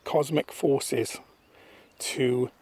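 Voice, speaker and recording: Husky guy rambling into his phone on a misty walk, lots of pauses. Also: medium pitch, fairly even intonation, a little mellow. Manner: thoughtful, rambling, pausing often. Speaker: vlogger. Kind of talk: casual walking vlog monologue. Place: outdoors on a misty countryside walk. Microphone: phone held at arm's length.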